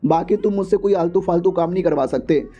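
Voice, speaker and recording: A man's voice: sits high, brisk, mellow, husky. A man voicing a fiery young woman, a sword-wielding captive bride, who scolds and threatens. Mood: bitter.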